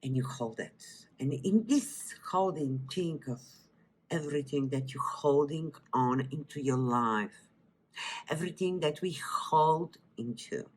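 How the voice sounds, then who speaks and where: Bulgarian woman, very slow and soft, slips into whispers, wellness teacher vibe. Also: low voice, slightly rough. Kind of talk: guided breathing meditation and cooking demo.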